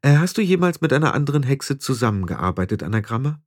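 A man's voice: medium pitch, sing-song, quick pace, a little mellow, voice pushed up. A man reading the part of a modest young witch girl who hesitates and hedges. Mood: hesitant. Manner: hesitant, fillers.

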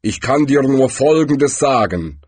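Tod, calm ancient Death, read by a man. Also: medium pitch, husky, no echo, voice pushed up. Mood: weary. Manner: slow, calm, weary.

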